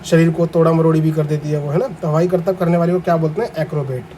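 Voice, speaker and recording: A young male teacher with a high, mellow, steady voice gives a vocabulary lesson for exam aspirants, reading each English definition slowly before explaining it conversationally. He spells tricky words letter by letter and asks the class questions. The rough recording has faint noise underneath.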